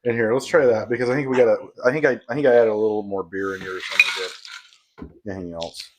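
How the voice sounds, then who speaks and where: A man's voice: fairly low pitch, fairly even intonation, fast talker, very noisy. A man who is a bartender and podcast co-host, chatting in an easygoing, playful way while mixing drinks. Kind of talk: casual chat.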